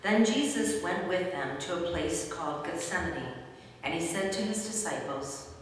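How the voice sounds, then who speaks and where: A woman narrates scripture from a script in a fairly low voice. She is far from the mic in a very reverberant hall, with faint noise. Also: animated, moderate pace.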